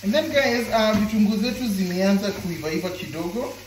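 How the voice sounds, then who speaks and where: A man with a Kenyan accent giving a relaxed, chatty home cooking tutorial, switching between Swahili and English. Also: sits high, brisk, over music. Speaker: home cook vlogger. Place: home kitchen. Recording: echoey kitchen with loud frying sizzle.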